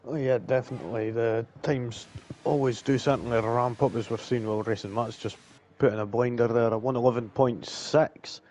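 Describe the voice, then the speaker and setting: Mellow Dundee man over clear background noise. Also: mid-range voice, fairly even intonation, moderate pace. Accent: Dundee Scottish. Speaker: co-commentator. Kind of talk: casual esports racing commentary.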